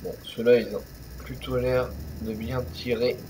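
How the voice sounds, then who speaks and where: A man's voice: mid-range voice, flat delivery, unhurried, noisy background. A young man casually commenting on a truck driving game, rambling with many fillers and restarts. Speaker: gaming youtuber. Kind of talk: casual let's-play commentary.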